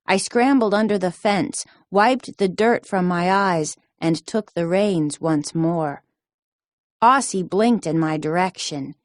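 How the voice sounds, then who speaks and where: A woman narrating a children's storybook in a slow, deliberate storytelling manner. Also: lowish voice, no room sound, studio quality. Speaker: storybook reader.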